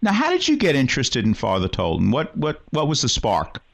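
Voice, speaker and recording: A man's voice: medium pitch, huge pitch swings, a little fast, gravelly. A man hosting a radio interview, asking the guest brief, plain questions. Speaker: radio host.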